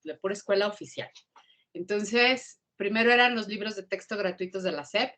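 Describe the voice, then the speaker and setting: A woman with a Mexican accent telling a lively story as a guest on a video call, in an animated way. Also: medium pitch, normal speed. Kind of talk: storytelling in an online class interview.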